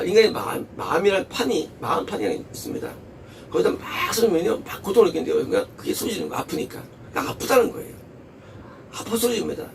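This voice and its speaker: A male pastor delivers a sermon with a gravelly voice that swings widely in pitch. He preaches emphatically, asks rhetorical questions and repeats words for stress. He is picked up from a distance, with faint background noise. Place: church.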